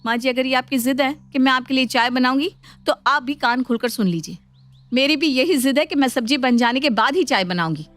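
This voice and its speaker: A woman's voice: high voice, brisk, a bit bright, soft background music, voice pushed up. A woman voicing a feisty young daughter-in-law. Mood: argumentative. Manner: firm, argumentative. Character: young daughter-in-law, firm and quick to argue.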